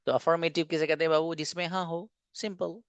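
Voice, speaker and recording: A man's voice: a little high, flat delivery, brisk, clean tone, no room sound, lo-fi sound. Man teaching in a drilling rhythm. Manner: repeats patterns in a drilling rhythm, asks and answers his own questions. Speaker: online English teacher. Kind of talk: online class lecture.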